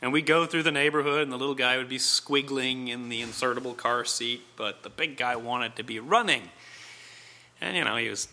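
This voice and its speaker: A middle-aged man delivering a reflective sermon, speaking in deliberate, measured phrases with dramatic pauses. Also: mid-range voice, bright, forceful tone. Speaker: preacher.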